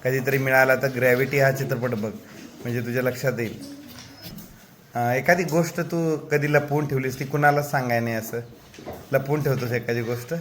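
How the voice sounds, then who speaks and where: A man with a Marathi accent, a teacher gently teasing and coaxing a young pupil with questions in a classroom interview. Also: medium pitch, steady tone, moderate pace, slight background noise.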